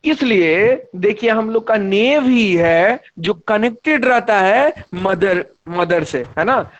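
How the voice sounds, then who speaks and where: A man teaching an online science class, lively and often checking that the students follow. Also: high-pitched.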